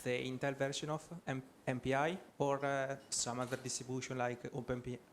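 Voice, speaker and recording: A man in the audience asking a halting question, filling pauses as he goes. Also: mid-range voice, level tone, slight background noise.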